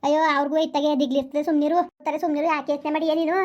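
A woman in a village comedy sketch who scolds and consoles in rapid bursts. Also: sits high, little pitch movement, darkish tone. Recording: dull lo-fi sound.

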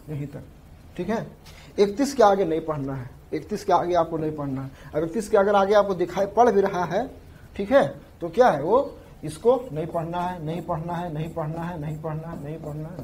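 A man's voice: sits high, darkish tone. Repetitive male teacher. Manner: repetitive, drilling points to students. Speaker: exam prep teacher. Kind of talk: classroom lecture.

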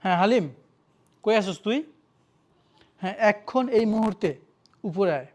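A man's voice: high voice, normal speed, natural voice. A man playing an emotional husband in a short-film drama who is confused and grieving over his wife. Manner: emotional, calls out names.

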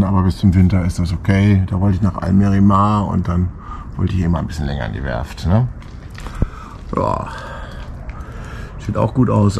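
A man's voice: low-pitched, vocal fry, a little mellow, slight background noise. An older man filming himself at a boatyard, talking casually with jokey, self-mocking asides into an action camera held at arm's length. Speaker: sailing vlogger. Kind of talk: casual self-filmed commentary. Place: outdoor boatyard.

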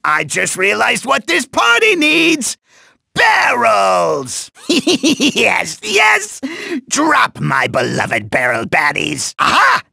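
A man voicing a zany, chummy, gleefully wicked mad doctor in a video game, raspy and theatrical, full of wisecracks. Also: high voice, huge pitch swings, extremely slow, bright, forceful tone, dry recording, raised voice, clean studio sound, full character voice. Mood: gleeful, scheming. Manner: chatty, wisecracking, theatrical, swinging between exclamations and muttered asides. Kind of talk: exaggerated cartoon game voice acting.

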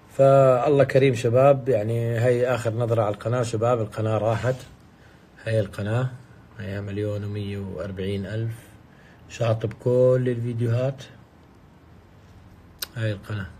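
A man's voice: medium pitch, fairly even intonation, a little fast, long pauses, warm tone, a little hiss or hum. A man, a YouTuber, talking to his viewers in a vlog, upset and swearing oaths.

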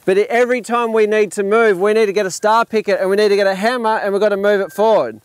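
High-voiced Australian farmer giving an outdoor tour. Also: male voice, steady tone, quick pace, clear, resonant tone, dry recording. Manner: enthusiastic, explanatory, with fillers and restarts. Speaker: farm owner giving a tour. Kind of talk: outdoor demonstration talk. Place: open paddock outdoors. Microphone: camera at a distance.

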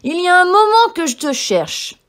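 Fairy-tale hunter: gruff, bold, loud and emphatic, read by a woman. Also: very high voice, sing-song, normal speed, voice pushed up, heavily acted.

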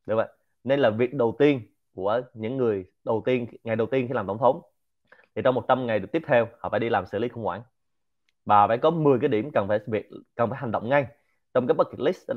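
A man with a Central Vietnamese Quảng Nam accent giving a lively, informal lecture to a community and dropping English words into his talk. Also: mid-range voice, phone-quality sound. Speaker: speaker hosting a Q&A session.

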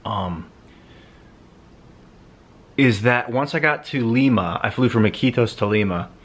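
A man in his thirties vlogging casually into a handheld camera, relaxed and reflective, rambling between thoughts. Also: mid-range voice, unhurried. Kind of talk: casual travel vlog. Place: airport and apartment. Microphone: handheld camera at arm's length. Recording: loud background noise.

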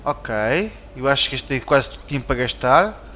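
A man with a European Portuguese accent giving excitable commentary while playing a game, yelping and shouting at scares. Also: mid-range voice, normal speed, slight background noise. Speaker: let's play gamer. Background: game music.

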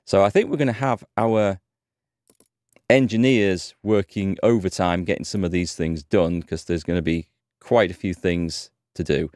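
This low, darkish voice belongs to a man in his thirties from England, a North Yorkshire gaming streamer who's a bit under the weather with a cold. He gives casual let's-play commentary at a moderate pace with fairly even intonation, thinking aloud on a headset mic. It's a dry, studio-quality recording from his indoor home streaming room.

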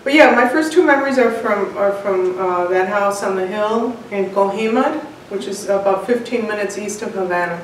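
Born in Cuba and living in the United States, this home cook and author in her sixties shares her personal story in an interview. Her medium-pitched voice is measured and reflective, with pauses. She sits indoors in a bright home room with large windows, and the distant mic catches heavy echo and faint noise.

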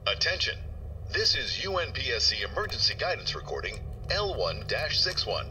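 An actor voicing a calm, reassuring male emergency guidance recording in a game, heard through an in-game radio. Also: medium pitch, moderate pace. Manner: even, reassuring announcer reading instructions. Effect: played through an in-game radio. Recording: distant radio playback with noise.

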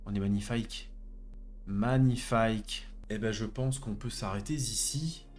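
A man's voice: on the low side, moderate pace, a little mellow, faint music behind. A young French man commenting on a role-playing game, reading its text aloud, laughing and swearing. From France. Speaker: gameplay commentator. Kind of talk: let's play commentary.

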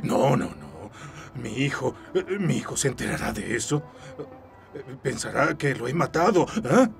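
A gravelly, broken father in denial. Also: mid-range voice, very animated, measured pace. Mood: anguished. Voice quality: gravelly, pleading. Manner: repeats denials, slides into a sobbing lullaby. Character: grief-stricken father, unhinged, denying his son's killing. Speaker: dubbing actor. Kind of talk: dubbed TV drama.

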